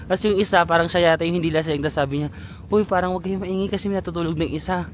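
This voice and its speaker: A man's voice: sits high, fairly even intonation, quick pace, a little hiss or hum. A young man in his twenties from the Philippines, vlogging outdoors in a snowy city, chatty and laughing often, out of breath from the cold. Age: 20s. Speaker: travel vlogger. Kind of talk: casual vlog narration.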